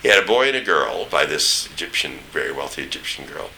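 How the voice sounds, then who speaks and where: An older American man with a standard accent and a low, very bright, forceful voice. He reminisces in loose anecdotes, pausing to search for names. There is a faint hiss behind him. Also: big pitch swings, creaky, low-quality recording. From East Tennessee, United States. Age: older, 70s or above. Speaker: interviewee recounting memories. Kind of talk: oral history reminiscence.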